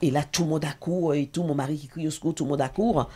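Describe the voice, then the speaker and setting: A woman's voice: low voice, fairly even intonation, fast, dark tone, husky. A middle-aged woman, a talk show guest and association president, giving an intense, emotional personal testimony with hesitations.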